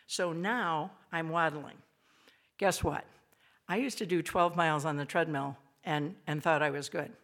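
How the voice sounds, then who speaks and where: The setting sounds like a small, aged hall where an older woman delivers a spoken devotional talk to listeners. Her voice is husky and fairly low, and her lively, conversational style is peppered with brief jokes at her own expense.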